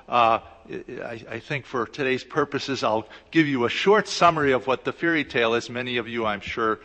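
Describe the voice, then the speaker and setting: A man gives a conference talk as a law lecturer, explaining carefully and stopping often to search for words. His voice sits at an ordinary middle pitch. The sound carries the long, echoing reverb of a large hall. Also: a bit bright. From United States. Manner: hesitant, explanatory, with frequent pauses. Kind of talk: conference presentation.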